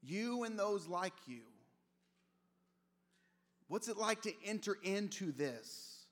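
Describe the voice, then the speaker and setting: A man's voice: high voice, slow pace, a bit bright. A man preaching a sermon as pastor, conversational and storytelling, with casual asides. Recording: long reverb of a large hall.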